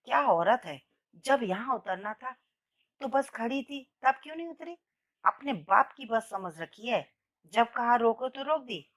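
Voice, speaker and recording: A woman's voice: fairly high pitch, expressive, unhurried, pitched above the performer's own voice. Woman doing a rude, scolding bus conductor. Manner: scolding, harsh.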